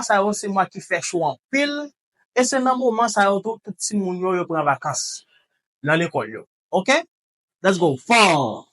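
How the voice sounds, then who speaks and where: Female English teacher, Haitian Creole accent, slow deliberate drills, animated pitch. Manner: repeats each word slowly for learners to copy. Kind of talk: language lesson with drilled repetition.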